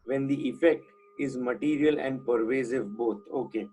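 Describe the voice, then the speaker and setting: A man's voice: medium pitch, moderate pace, dark tone, soft background music, rough recording. A man teaching an online class, putting questions to students and repeating the key points.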